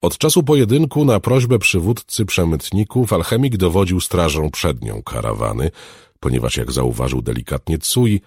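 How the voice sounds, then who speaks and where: A man with an extremely deep, husky voice reads a fantasy audiobook, his pitch rising and falling with lively expression. The sound is dry and close, with no room around it. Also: moderate pace, no echo. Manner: expressive storytelling. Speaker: audiobook narrator. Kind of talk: scripted fantasy narration.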